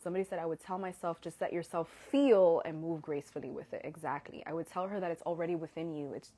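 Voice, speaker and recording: Deep-voiced and warm, a woman in her thirties talks quickly while hosting an Instagram Live. The stream is casual but emotional, and she speaks earnestly from the heart, sinking into whispers as she fights back tears.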